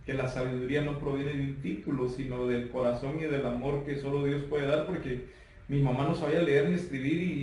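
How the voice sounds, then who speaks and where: A man turning forty with a Guatemalan Spanish accent, telling his life testimony in an earnest, measured way. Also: on the high side, a little mellow. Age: 30s. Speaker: guest giving testimony. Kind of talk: personal testimony. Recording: roomy far-off mic with faint noise.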